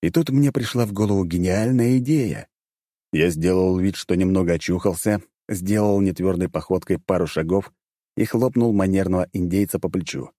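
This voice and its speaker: A man's voice: deep voice, normal speed, mellow, no echo, studio quality. A man narrating first-person fiction as an audiobook, in a wry, sardonic tone.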